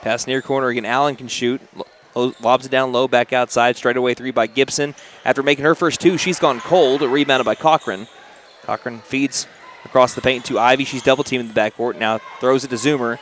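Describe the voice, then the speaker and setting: A man with an Oklahoma accent calling high school basketball play-by-play on the radio, quick and chatty with jokey asides. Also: fairly even intonation, fairly bright tone, a little hiss or hum. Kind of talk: play-by-play commentary.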